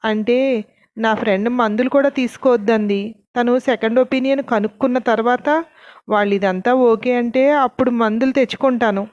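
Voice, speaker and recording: A woman voicing a frightened young wife who speaks in a nervous, hurried way while hiding her fear. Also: fairly high pitch, steady tone, darkish tone, dull audio, natural voice. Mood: hesitant.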